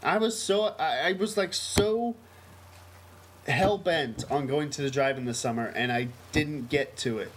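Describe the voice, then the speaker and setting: An American man co-hosts a casual podcast, rambling along emphatically and enthusiastically in a noisy amateur recording. His voice is fairly high-pitched, and he speaks a little slowly.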